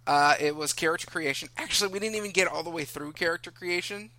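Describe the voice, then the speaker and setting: A man's voice: a little high, fast, pushed and bright, dry recording. A man hosting a casual podcast from a room in his house, chatty and self-deprecating, rambling with restarts. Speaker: podcast host.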